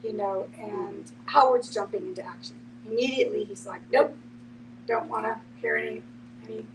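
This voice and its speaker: A woman whose voice is a little high speaks at a moderate pace, thoughtfully explaining her views in a group podcast discussion and repeatedly saying "you know." Background hum, noise and a distant microphone mark the recording.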